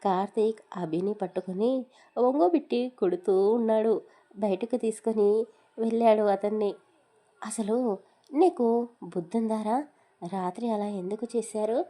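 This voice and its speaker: A woman's voice: mid-range voice, unhurried, long pauses, dark tone. A woman narrating a romantic audio story with a Telugu accent, voicing every character's dialogue herself.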